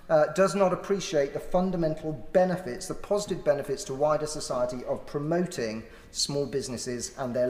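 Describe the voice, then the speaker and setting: British male MP, formal debate speech, emphatic and argumentative, long hall reverb. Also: on the high side. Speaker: opposition member of parliament. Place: large indoor parliamentary chamber. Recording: roomy echoing debating chamber.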